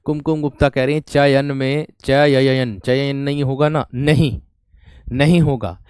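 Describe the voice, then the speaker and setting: A man's voice: on the high side, steady tone, normal speed, a little mellow, clear, resonant tone, dry recording, studio quality. A man teaching grammar in an online exam-prep class, explaining step by step and repeating each question to his students.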